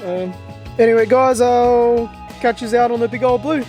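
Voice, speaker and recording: A man's voice: extremely high pitch, steady tone, normal speed, warm tone, dull audio, faint music behind, voice pushed up. A man doing a put-on New Zealand accent as a laid-back, rambling boatyard bloke who calls everyone bro. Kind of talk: comic impression in a vlog.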